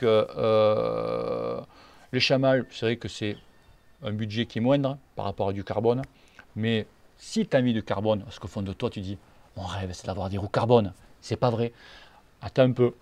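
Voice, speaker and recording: A man's voice: medium pitch, vocal fry, darkish tone. A man from near Perpignan with a southern French accent, hosting a cycling channel and answering viewer questions in a blunt, joking, slangy way. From Catalonia, near Perpignan.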